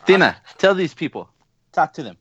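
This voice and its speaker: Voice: mid-range voice, big pitch swings, moderate pace, highs cut off, a crowd in the background. A co-host on a casual chat who laughs often and keeps coaxing a toddler into talking. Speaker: podcast co-host.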